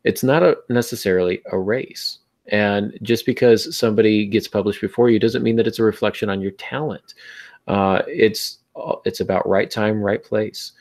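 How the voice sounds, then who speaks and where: Speaking at a normal speed, this podcast host has a lowish, slightly mellow voice and a steady tone. He talks to the listener directly, conversational and encouraging as he gives advice.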